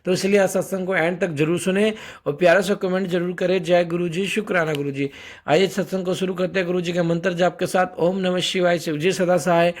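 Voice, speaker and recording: A man's voice: sits high, fairly even intonation, fairly quick. A man hosting a devotional channel, giving a formal preaching intro and chanting a mantra. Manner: formal, preaching cadence with blessings and requests to subscribe. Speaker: channel host introducing a satsang.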